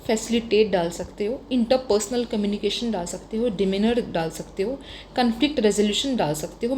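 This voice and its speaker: A woman's voice: a little high, a little mellow, a little hiss or hum. A young adult woman with an Indian English accent teaching exam vocabulary in a casual lesson, explaining each word with examples and checking in with the listener. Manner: explains vocabulary with examples, frequent "ठीक है" fillers.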